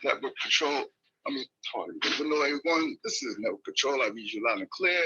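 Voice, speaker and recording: A man's voice: mid-range voice, expressive, a little fast, sharp tone, breathy edge. A man acting as net control on a two-way radio, speaking in formal radio procedure and spelling letters phonetically. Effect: heard over a two-way radio link. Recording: lo-fi radio audio.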